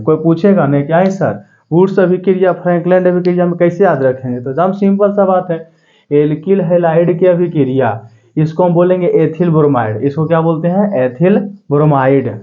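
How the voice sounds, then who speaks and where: A man teaching a chemistry class in a relaxed, reassuring way, drawling formulas out slowly and calling students "bachcha". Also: a little high. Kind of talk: classroom lecture. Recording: tinny phone-like sound.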